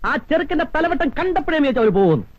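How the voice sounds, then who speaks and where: A man's voice: very high voice, very animated, racing, lo-fi sound, a little hiss or hum. An actor playing a middle-aged bank manager who grumbles and teases his wife at home, in a film scene. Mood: grumbling. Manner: grumbling, teasing complaints. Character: fussy, teasing middle-aged husband. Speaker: bank manager husband and father. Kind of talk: film dialogue.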